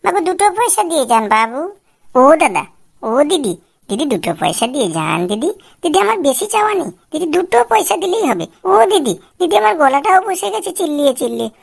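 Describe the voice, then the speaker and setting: A whiny, wheedling cartoon beggar man, voiced by a woman, begging in a high, gravelly sing-song. The words come fast and pitched up, with a rough fry at the edges. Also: very animated, exaggerated voice. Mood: pleading. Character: whiny male beggar voice from a speaker box. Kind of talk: comic cartoon voice acting.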